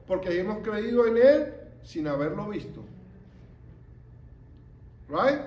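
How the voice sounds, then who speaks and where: A man whose fairly high, slightly mellow voice swings widely in pitch teaches Scripture without rushing, explaining each point slowly. He often poses rhetorical questions to listeners, over a noticeable room echo and slight background noise.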